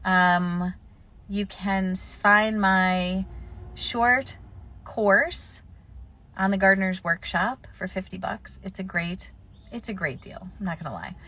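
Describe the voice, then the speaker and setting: A florist with a slight cold answers viewer questions on a live stream, giving practical advice conversationally with plenty of fillers. Her medium-pitched voice is sharp in tone, and she takes her time.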